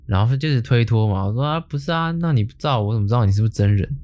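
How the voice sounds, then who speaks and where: Speaking fast and animatedly, a man with a Taiwanese Mandarin accent hosts a podcast and tells a story casually, full of slang and mild swearing. His medium-pitched voice has a slightly mellow quality.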